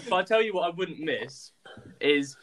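A man's voice: on the high side, lively intonation, moderate pace, crowd noise. A young man in casual podcast chat, laid-back and laughing, sometimes explaining things for listeners. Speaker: podcast co-host.

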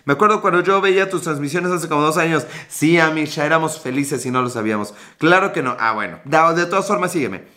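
Young Mexican guy, livestream host, bright, slangy, joking. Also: on the high side, quick pace, hardly any pauses. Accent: Mexican Spanish. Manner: joking, crude slang, reads and answers comments. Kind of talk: casual livestream chat with viewers.

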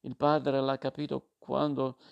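Guy reading as a bitter young ex-soldier, angry and pushy, gravelly and flat. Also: medium pitch, measured pace, muffled recording. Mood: indignant. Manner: angry, insistent. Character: bitter young jobless war veteran man.

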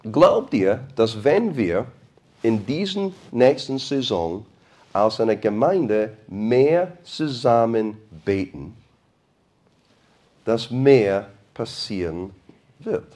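A man's voice: medium pitch, lively intonation, drawn-out words, dark tone. A male preacher retelling a Bible story in a sermon, playful and asking his listeners questions. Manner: playful, asks the congregation questions.

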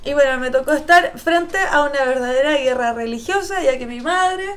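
A podcast co-host with a Chilean Spanish accent tells stories in a casual chat, animated, laughing, and full of slang. She has a high voice and speaks at a moderate pace.

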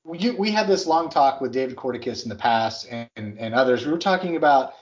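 A man co-hosting a podcast, chatting casually and enthusiastically about construction software, with plenty of fillers. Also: medium pitch, animated, brisk, crowd noise. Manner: rambling, filler-heavy, enthusiastic. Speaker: podcast co-host. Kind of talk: casual tech chat. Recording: slightly dull lo-fi audio.

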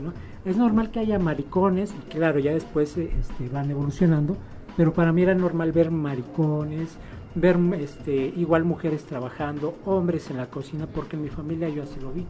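A man in casual conversation, animatedly telling family stories and quoting relatives in lively voices. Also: on the high side.

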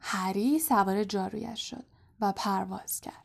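A woman narrating a storybook in a soft, quiet, even-paced voice. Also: mid-range voice, gravelly. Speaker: audiobook narrator.

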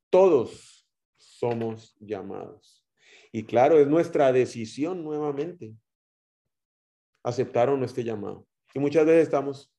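A male preacher with a Guatemalan accent delivers a sermon in a mellow, warm voice. He often switches from loud, stressed phrases to soft, dropped endings as he tells stories. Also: mid-range voice. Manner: storytelling with rising and dropping loudness.

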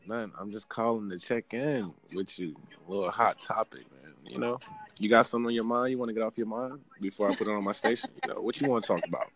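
A man with a somewhat low voice chats in a laid-back, teasing way. His talk is loose and slangy, like banter on a call. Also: quick pace, a bit bright. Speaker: radio-style host. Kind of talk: casual phone call banter.

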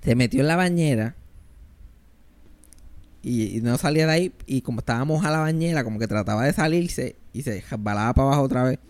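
A man's voice: medium pitch, fast, dry recording. A young man in his twenties with a Puerto Rican accent, telling a story casually, acting out voices and screams. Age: 20s. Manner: animated, acts out voices and screams.

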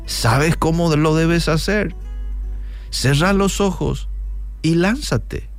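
A man's voice: on the high side, slow pace, faint music behind, pitched above the performer's own voice. A man voicing an anxious father who calls out urgent, tearful reassurance to his son. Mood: urgent reassuring.

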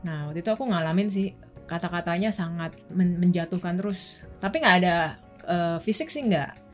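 A woman's voice: fairly low pitch, normal speed, soft background music. A young adult woman from Indonesia, a guest on a chat show, telling candid personal stories in a casual way.

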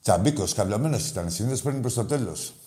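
A man's voice: fairly low pitch, lively intonation, dark tone, a little hiss or hum. A man hosting a sports phone-in, chatting informally and bluntly in an exasperated way, often repeating himself. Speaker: sports phone-in show host. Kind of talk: casual sports banter with a caller.

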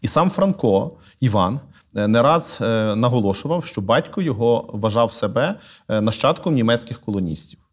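A man speaking as an interview guest and literary scholar, explaining in a measured, lecturing way with frequent thoughtful "uh" pauses. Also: medium pitch, lively intonation.

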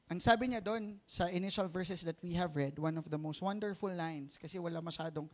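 A man's voice: high-pitched, a little fast. A man with a Filipino accent preaching a sermon in mixed Tagalog and English, conversationally, often checking for agreement. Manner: switches between Tagalog and English; conversational, seeks agreement with rhetorical tag questions.

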